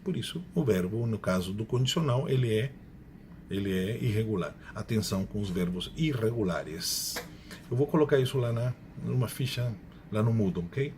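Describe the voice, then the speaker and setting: A man's voice: lowish voice, animated, darkish tone, slight background noise. Man teaching grammar. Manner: explanatory, repeats examples slowly, self-corrects. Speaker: Spanish teacher. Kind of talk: classroom grammar lecture.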